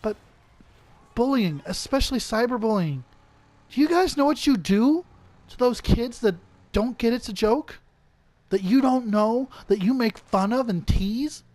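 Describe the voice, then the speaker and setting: A man's voice: high voice, no room sound. A man co-hosting a casual podcast, talking in an earnest, preachy, ranting way. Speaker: podcast co-host.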